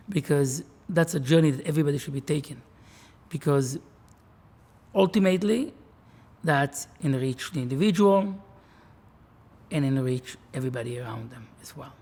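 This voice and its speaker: Rabbi, 40s, slightly raised pitch, husky, earnest and measured. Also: male voice, darkish tone. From Israel. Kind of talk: interview, reflective talk.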